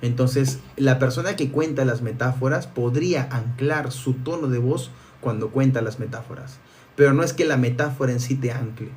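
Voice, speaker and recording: A man's voice: medium pitch, normal speed, a little mellow, far from the mic. A man coaching on a live stream, talking energetically and restarting words often. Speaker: NLP coach. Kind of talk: live stream teaching, answering viewer comments.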